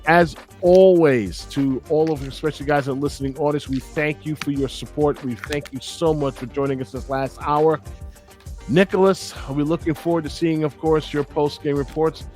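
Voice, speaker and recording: A man's voice: on the high side, fairly even intonation, moderate pace, darkish tone, soft background music. A middle-aged man hosting a casual sports podcast, talking bluntly and with feeling and repeating phrases for emphasis. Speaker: podcast host.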